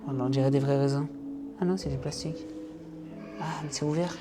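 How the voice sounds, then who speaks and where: A man's voice: medium pitch, fairly even intonation, brisk, music in the background. A man chatting to viewers in a casual travel vlog, hesitant with many fillers, recorded outdoors and on the road. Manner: chatty, addresses viewers as "les gars". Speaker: travel vlogger. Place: outdoors in a city and in a vehicle. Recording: noisy outdoor vlog audio.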